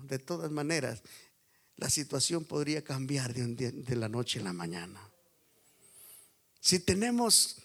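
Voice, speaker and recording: A male pastor preaching a sermon in Spanish, moving between hushed, slow lines and loud, rising appeals. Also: a little high. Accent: Puerto Rican Spanish.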